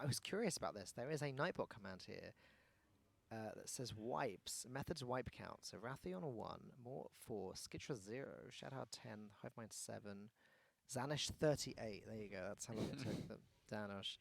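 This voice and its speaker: A man hosting a casual livestream, curious and full of questions for his guests. His voice has a gravelly edge and sits at an ordinary pitch. He talks in a relaxed, conversational way. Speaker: stream host.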